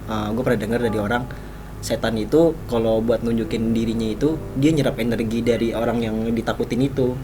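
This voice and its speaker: A man's voice: mid-range voice, steady tone, fairly quick, noisy background. A man telling a ghost story in casual chat, rambling with many restarts. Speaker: podcast co-host telling a story.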